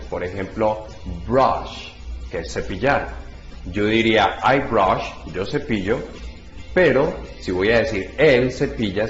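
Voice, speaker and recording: A man giving an English lesson, explaining verb endings methodically and spelling out each example slowly. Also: on the low side, lo-fi sound. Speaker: English teacher. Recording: roomy echo with faint background music.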